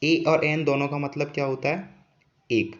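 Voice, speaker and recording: A man's voice: a little high, level tone, normal speed. A man who teaches English grammar patiently and often repeats key points as questions for the students. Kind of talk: explaining an English grammar lesson. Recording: dull lo-fi sound.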